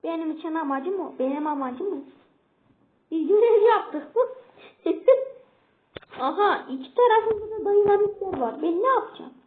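High-voiced woman commenting on her game. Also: normal speed. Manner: excitable, talks to opponents on screen. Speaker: gameplay streamer. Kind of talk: casual gameplay commentary. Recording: tinny phone-like audio.

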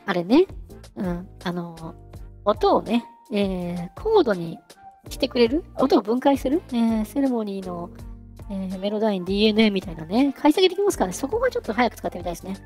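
A woman hosting a casual software tutorial, chatty and giggly, talking her way through a live demo. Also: mid-range voice, big pitch swings, brisk, in a large hall, soft background music. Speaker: VTuber host teaching singing-synth software.

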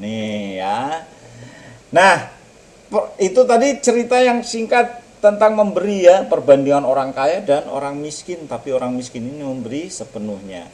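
A man teaching a children's church lesson, telling stories in an animated way and asking the kids questions. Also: medium pitch. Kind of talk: children's Bible lesson storytelling.

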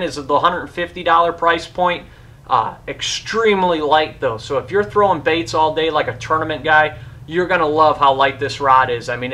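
This man's voice is a little high, pushed and bright. He's a fishing channel host in his thirties, casually reviewing fishing gear in his garage among a boat and rods, eagerly showing things with his hands.

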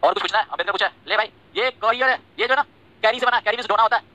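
A man teaching English vocabulary in a live class, talking quickly and checking over and over that the students follow. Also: high voice, sharp tone, poor audio. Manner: rapid, repetitive checks like "ठीक है?" and "समझे?"; scolds and teases students by name. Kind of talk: online class lecture in Hindi and English.

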